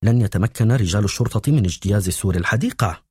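A man reading a hushed young girl thief. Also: lowish voice, lively intonation, fast talker, breathy edge, dry recording, clean studio sound. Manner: hushed, careful. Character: whispering young girl in a gang of thieves.

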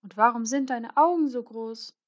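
A woman voicing a cheerful little girl in a red cap, speaking brightly and eagerly. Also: fairly high pitch, moderate pace, lo-fi sound, pitched above the performer's own voice, lightly acted. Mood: curious.

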